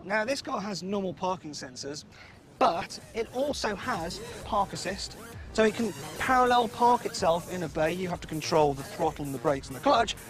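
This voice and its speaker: Male car show presenter, Birmingham accent, high voice, explanatory delivery, music behind. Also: lively intonation, moderate pace, a bit bright.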